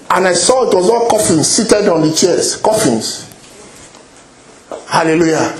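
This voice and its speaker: A man preaching a sermon with lively exclamations of praise, often repeating and restarting his phrases. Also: high voice. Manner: animated, exclaims hallelujah and praise God often. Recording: echoey hall.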